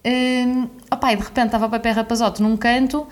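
Lively young Portuguese woman telling stories. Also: a little high, a little fast. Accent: European Portuguese. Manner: animated storyteller who acts out quoted voices. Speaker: podcast co-host. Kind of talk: casual chat.

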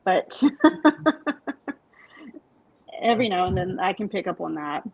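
A woman's voice: on the low side, unhurried, creaky, husky. Easygoing woman, muffled audio. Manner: easygoing, rambling, self-deprecating. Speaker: paranormal investigator. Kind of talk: casual chat.

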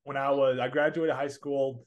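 A young Southern-accented man from Texas, in his 20s, answers casual interview questions as a guest, his mid-range voice level and at normal speed. He's earnest and chatty, rambling with lots of restarts and fillers. The sound quality is lo-fi.

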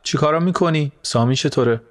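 A male narrator voicing a lonely young woman who talks in a quiet, disheartened way in a storybook reading. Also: fairly high pitch, voice pushed up, close to an everyday voice. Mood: subdued.

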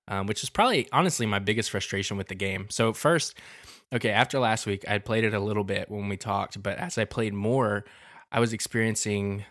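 Low-voiced man chatting about games. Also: no echo, clean studio sound. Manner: rambling, many ums and restarts, relaxed. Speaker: podcast co-host. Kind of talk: casual gaming podcast chat.

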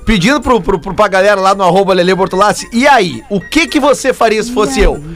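Man, southern Brazilian gaúcho accent, high voice, casual radio chat, animated asides, faint music behind. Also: a little fast. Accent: southern Brazilian Portuguese, gaúcho. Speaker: radio show co-host.

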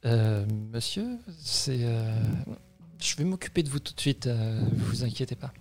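A man's voice: medium pitch, lively intonation, a little slow, a little mellow, soft background music. A man voicing a polite, slightly hesitant young woman who works in a shop.

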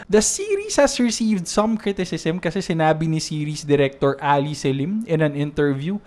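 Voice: mid-range voice, lively intonation, normal speed, darkish tone. A podcast co-host with a Filipino accent, chatting casually and explaining comic lore with frequent laughs. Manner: explains comic lore, laughs often, switches between English and Tagalog. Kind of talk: casual pop-culture chat.

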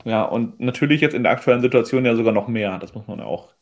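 A man's voice: mid-range voice, lively intonation, quick pace. Friendly man hosting a podcast. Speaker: podcast co-host. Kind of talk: casual podcast interviewing.

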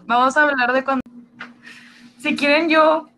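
A woman's voice: high-pitched, fairly even intonation, unhurried, pushed and bright, slight background noise. A young woman with a Mexican Spanish accent from Mexicali, playful and rambling in a casual podcast chat. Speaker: podcast co-host.

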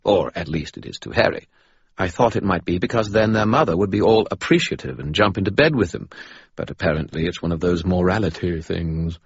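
A man's voice: deep voice, fairly quick, slightly rough, no echo, dull audio, pitched above the performer's own voice. A man voicing a sarcastic, patronizing male spirit who lives in a skull.

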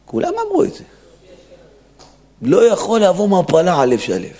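A man's voice: sits high, wildly swooping pitch, mellow. A man, a rabbi, giving an emphatic Torah sermon in a synagogue, acting out the quotes as he preaches. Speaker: rabbi giving a weekly lesson.

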